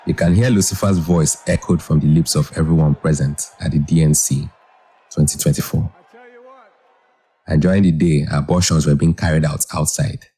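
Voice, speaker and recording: A man with an extremely deep voice gives an earnest, measured commentary. His tone is dark and husky, with faint music underneath. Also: steady tone. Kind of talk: scripted commentary narration.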